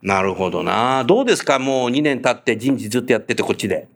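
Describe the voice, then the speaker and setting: A man's voice: mid-range voice, fast talker. A man hosting an on-location interview in a casual, chatty way, telling stories and nodding along to his guest. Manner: chatty, animated storyteller, frequent nods. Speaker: host.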